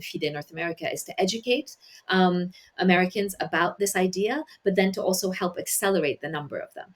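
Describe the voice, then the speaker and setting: A woman with a somewhat low voice speaks as an interview guest. She explains things in a measured way, often restarting phrases as she goes. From Iran. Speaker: guest, policy advisor. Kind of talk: conversational interview.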